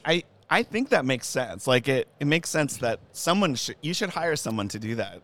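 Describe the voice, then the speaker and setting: A man's voice: medium pitch, big pitch swings, moderate pace, a bit bright. Upbeat male podcast host. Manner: upbeat, chatty, reads bio lists. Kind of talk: podcast intro and interview.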